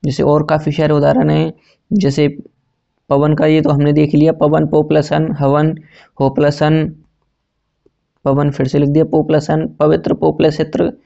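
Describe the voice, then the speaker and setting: Gravelly, flat-voiced male grammar teacher. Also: a little high, moderate pace, muffled recording. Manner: repetitive, asks and answers own questions; self-correcting, says sorry mid-sentence. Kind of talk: exam-prep grammar lesson.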